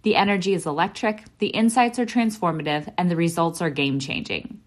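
A woman's voice: lowish voice, brisk. A woman reading a scripted promo in an upbeat, salesy way. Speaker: ad announcer.

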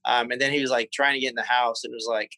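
A man with a Southern US accent, a guest in a personal interview, talking haltingly with many fillers and repeated words. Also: mid-range voice, level tone, pushed and bright, no room sound, rough recording. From South Carolina.

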